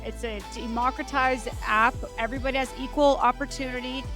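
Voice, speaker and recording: A woman's voice: high-pitched, a little fast, music in the background. A woman from Canada, a startup co-founder, talking with energy as a guest in a casual podcast interview. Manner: energetic, upbeat, laughs often.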